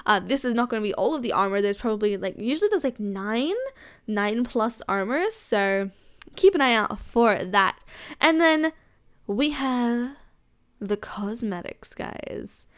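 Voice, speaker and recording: An Australian woman hosting casual game news commentary, gushing and excitable, full of fillers. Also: fairly high pitch, clean tone. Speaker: gaming YouTuber.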